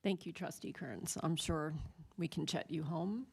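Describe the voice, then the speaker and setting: A woman chairing a school board meeting, upbeat and brisk as she calls on each trustee. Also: low-pitched, creaky.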